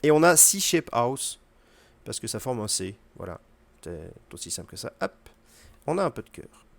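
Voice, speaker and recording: A man's voice: mid-range voice, vocal fry, no room sound. Man casually explaining a game run. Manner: relaxed explaining with fillers and quick asides to the game. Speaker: gaming video host. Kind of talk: casual gameplay commentary.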